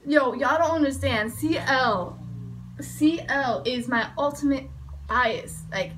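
A young woman hosting a reaction video, gushing like an excitable fan. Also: sits high, slow pace, poor audio. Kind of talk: casual chat over a music video. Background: music video playing.

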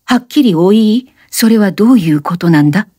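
A gentle young man, voiced by a woman reader speaks softly and earnestly, trying to reassure. The tone is mellow and unhurried, and the recording is close and dry. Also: medium pitch, expressive, husky, dry recording. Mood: soothing. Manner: soothing, hushed, reassuring.

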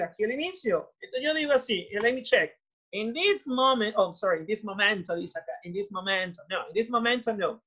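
A woman's voice: on the high side, fairly bright tone. A woman with a Peruvian Spanish accent teaching English in an online class, mixing Spanish and English and repeating words of praise. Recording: muffled video call audio.

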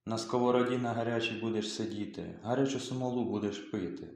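A stern, pious village mother scolds her son in a chiding, sharp-tongued way, as a male reader puts her on. The voice sits fairly low and rings in a very echoey room. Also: a little fast, natural voice. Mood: scolding. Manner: scolding, then softly pious. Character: pious scolding peasant mother, middle-aged.

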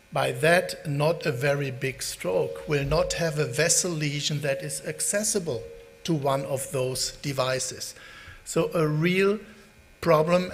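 An older man speaking at a medical conference panel, slow and hesitant with frequent restarts, at a podium mic in a large hall. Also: fairly high pitch. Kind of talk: panel discussion. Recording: long hall reverb.

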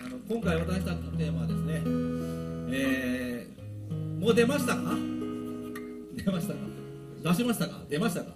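A man's voice: a little high, sing-song, normal speed, long pauses. A man with a Banshu accent, a band leader, chatting and rambling on stage at a live show. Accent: Kansai, Banshu dialect. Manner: chatty, rambling, mimics local dialect. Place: outdoor park stage. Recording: live outdoor recording with guitar behind.

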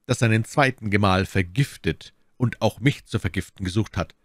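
A man voicing a bold young male musketeer in an audiobook, speaking with a steady, respectful composure. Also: fairly low pitch, normal speed, dry recording, studio quality, close to an everyday voice. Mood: calm, defiant. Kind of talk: audiobook character voice.

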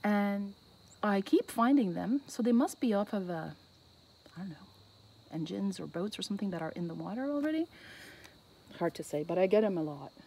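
An Acadian Canadian woman vlogs casually from a bridge over water, her phone resting on the bridge as she thinks aloud and cuts herself off. Her medium-pitched voice is animated, warm and slightly rough, moving at normal speed with long pauses. Traffic and insects fill the noisy outdoor phone recording.

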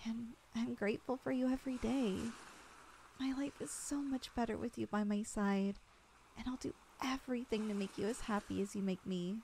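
In a gentle ASMR roleplay, a young woman speaks softly as a girlfriend close to the listener, tender and teasing. Her voice is slightly high-pitched with fairly even intonation at a normal speed, and a little hiss or hum is audible.

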